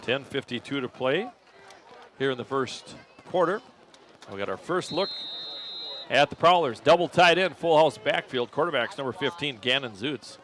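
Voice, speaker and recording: A man doing play-by-play commentary for a local radio football broadcast. He calls the action steadily, gets louder and higher when a play breaks open, and corrects himself out loud as he goes. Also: normal speed, slight background noise. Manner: steady play calling that jumps up in pitch and volume on big plays; thinks aloud and corrects himself on the spot. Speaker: play-by-play announcer.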